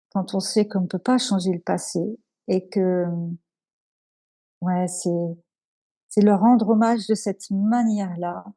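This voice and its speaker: Earnest woman giving a halting testimony. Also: lowish voice, warm tone. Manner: halting, with many pauses and restarts; earnest, emotional. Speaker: interview guest. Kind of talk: personal testimony.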